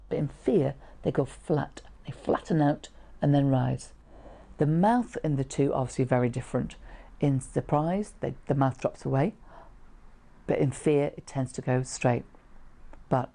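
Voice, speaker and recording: A woman's voice: sits low, vocal fry, mellow. A middle-aged woman presenting an informal lesson to camera, explaining things in a conversational way. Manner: explanatory, conversational, with short illustrative asides. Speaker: trainer teaching how to read facial expressions. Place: small indoor room, seated.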